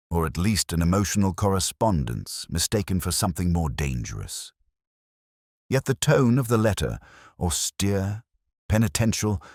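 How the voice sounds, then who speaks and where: Narrating his own detective story, a man speaks in an extremely deep voice with a measured, reflective, literary style and a lively rise and fall in pitch. The sound is very dry with little sense of space.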